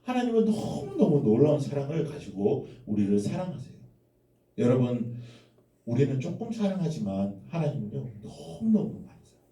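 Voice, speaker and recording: Brief: male pastor, children's sermon, animated storyteller, recorded far from the mic in an echoey room. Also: medium pitch, normal speed. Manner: animated, addresses listeners with questions.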